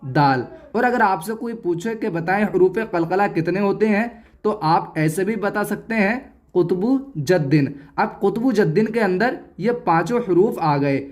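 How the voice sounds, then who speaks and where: A Quran reading teacher with a Hindustani accent giving a slow step-by-step lesson, patiently repeating letters and syllables one by one. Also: medium pitch.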